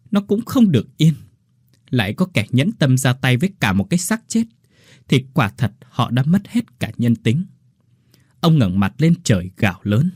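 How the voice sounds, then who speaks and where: A man reading a horror story aloud as a storyteller, with dramatic, expressive delivery. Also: mid-range voice, breathy edge, no room sound, clean studio sound. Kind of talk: scripted horror story narration.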